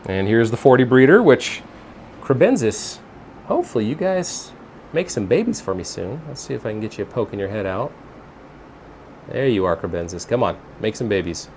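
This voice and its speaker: A man's voice: on the low side, big pitch swings, moderate pace, darkish tone. A man giving a casual, informal walk-through in vlog style, rambling and thinking aloud as he guides the viewer. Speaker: tour guide. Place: indoors, workplace rooms. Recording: faint room and air-conditioning noise.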